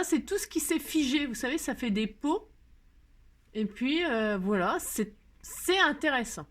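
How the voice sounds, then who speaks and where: A woman's voice: on the high side, fairly bright tone. A middle-aged woman hosting a casual craft tutorial, chatty and rambling with lots of fillers and repeated words. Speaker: craft video host.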